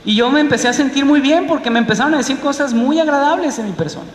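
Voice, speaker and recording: A man's voice: extremely high pitch, fast. A man with a Mexican accent preaching a conversational sermon as a pastor, often checking in with his listeners by asking "¿sí?". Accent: Mexican Spanish. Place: church. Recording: echoey church hall.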